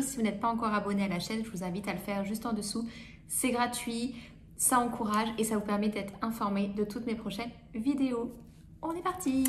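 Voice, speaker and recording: A woman talks straight to her viewers in a relaxed product review vlog. She chats along easily, often pausing on little fillers as she searches for words. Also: fairly high pitch, slight background noise. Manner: chatty, hesitant with many fillers. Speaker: beauty vlogger.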